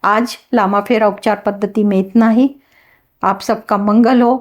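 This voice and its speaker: A woman teaching a healing practice, chanting calmly and then explaining each step in a slow, devotional way. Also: mid-range voice. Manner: slow, calm and devotional, repeats words. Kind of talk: demonstration lesson with chanting.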